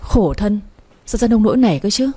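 A woman's voice: medium pitch, animated, a little fast, mellow, breathy edge. A woman reading a blunt, chatty young friend.

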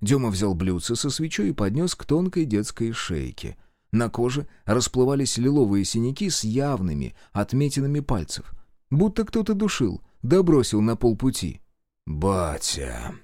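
A man narrating an audiobook with expressive storytelling. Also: medium pitch, moderate pace, no echo, clean studio sound.

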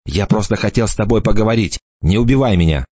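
A man's voice: lowish voice, expressive, fast, darkish tone, slightly rough, dry recording. A male narrator voicing a scared young man who stammers and pleads while held at knifepoint, in a dull, dry recording. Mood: stammering, pleading.

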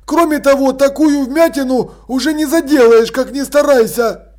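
A man's voice: very high-pitched, moderate pace, darkish tone, voice pushed up. A man doing a cranky zombie constable. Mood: grumbling. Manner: cranky, aggrieved. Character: grumpy male zombie watch constable, stingy.

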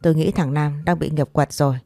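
A woman's voice: sits low, fairly even intonation, fairly quick, mellow, no room sound, clean studio sound. A woman voicing a blunt older man who reproaches his wife. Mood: reproachful. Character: blunt, scolding older husband.

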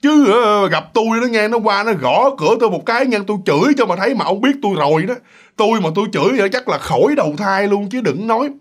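A man voicing a sharp-tongued older woman who sells noodle soup, talking in a scolding, boastful way. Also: medium pitch, expressive, quick pace, voice pushed up, lightly acted.

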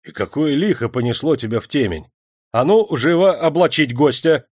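A man's voice: mid-range voice, expressive, moderate pace, a little mellow, no room sound, clean studio sound, natural voice. A man voicing a stern male factory manager who exclaims and gives orders. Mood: embarrassed. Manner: exclaiming, commanding.

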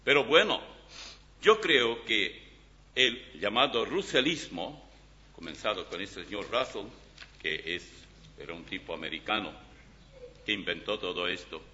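A man preaching a sermon in Spanish and reading Bible passages aloud, with emphatic swings in loudness. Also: fairly low pitch, lively intonation, unhurried, pauses often, slight background noise. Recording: dull reverberant hall recording.

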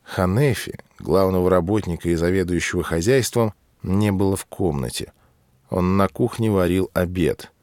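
Deep-voiced man reading a classic novel. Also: darkish tone, no echo, studio quality. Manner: measured literary reading, voices characters with shifts of pitch. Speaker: audiobook narrator. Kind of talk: scripted narration of a classic novel.

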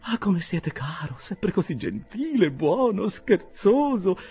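A man's voice: sits high, big pitch swings, slow pace, a little mellow, soft background music, voice pushed up, full character voice. A man reading an audiobook and voicing a flustered, gushing middle-aged landlady who speaks in a breathless, overwrought way. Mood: swooning.

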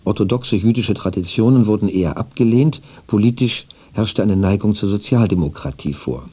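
A man narrating a scripted radio feature in an even, formal, literary manner. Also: lowish voice, moderate pace, slightly rough.

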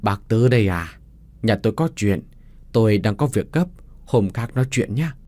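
A man's voice: on the low side, lively intonation, moderate pace, darkish tone, dry recording, natural voice. A man voicing a stern, grieving village man who speaks in a grave, firm way.

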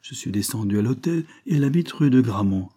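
A man reading aloud, voicing a smooth foreign gentleman who plays a naive count, effusive and ingratiating. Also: mid-range voice, lively intonation, fast.

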